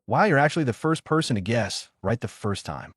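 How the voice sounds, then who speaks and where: A man's voice: medium pitch, expressive, fairly quick, a bit bright, slightly rough, no room sound, studio quality. A man reading the lines of a brash teenage boy ninja, taunting and threatening in a storybook reading. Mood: smug.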